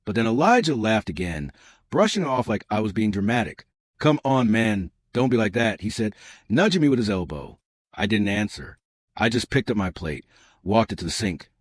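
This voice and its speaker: Brief: male narrator, low voice with lively pitch, measured and bitter, dry close sound. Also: no echo. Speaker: story narrator. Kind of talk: scripted first-person narration.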